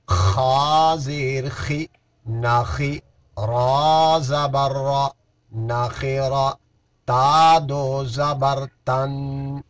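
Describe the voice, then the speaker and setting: Male recitation teacher, very slow drills, steady mid pitch, soft quick asides. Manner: spells out each letter and vowel, then blends them. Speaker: Quran reading teacher. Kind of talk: slow syllable-by-syllable recitation lesson.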